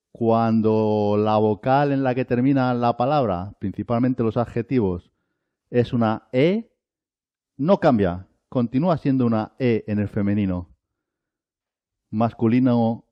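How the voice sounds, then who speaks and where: A male Spanish teacher speaks very slowly and deliberately, drilling single words with long pauses in between. His pitch rises and falls in a lively, animated way. The recording is dry and somewhat dull, lo-fi. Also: no room sound. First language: Arabic. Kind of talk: slow, deliberate language lesson.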